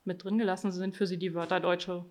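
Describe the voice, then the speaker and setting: A woman presenting her own research in an academic talk, reading from slides and often pausing on filler sounds. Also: fairly low pitch, level tone, a little mellow. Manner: hesitant, frequent filler sounds between phrases.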